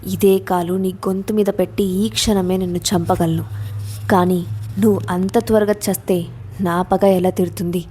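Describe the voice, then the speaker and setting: A cruel, vengeful man from an audio story, who speaks in cold threats and taunts, voiced by a woman reading the tale. His voice stays mellow and dark rather than loud, which makes the menace feel calm and deliberate. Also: mid-range voice, a little hiss or hum, lightly acted. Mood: menacing.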